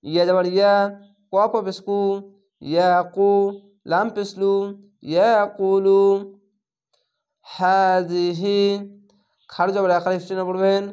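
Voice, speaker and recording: A man teaching Quran reading, spelling out each letter and vowel mark, then blending the syllables into a drawn-out chanted word, with a Bangladeshi Bengali accent. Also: sits high, little pitch movement, darkish tone, clear, resonant tone. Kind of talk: spelling-out Quran recitation lesson.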